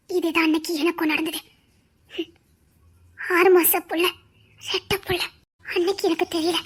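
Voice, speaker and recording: A woman's voice: extremely high pitch, fairly bright tone, exaggerated voice. A woman voicing a grieving mother who lost her twin babies, speaking in an earnest, insistent and soothing way in an amateur audio drama.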